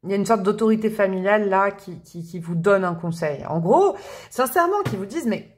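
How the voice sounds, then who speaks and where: A woman's voice: medium pitch, expressive, fairly quick. Chatty woman giving a tarot reading. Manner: chatty, thinking aloud with many fillers and restarts. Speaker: tarot reader. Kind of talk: casual spoken tarot reading to viewers.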